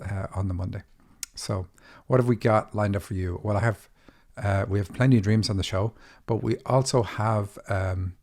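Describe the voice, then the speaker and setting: A middle-aged Irish man hosting a dream interpretation podcast, talking quickly in a casual monologue with many fillers and restarts. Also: on the low side, vocal fry, a little mellow. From Ireland.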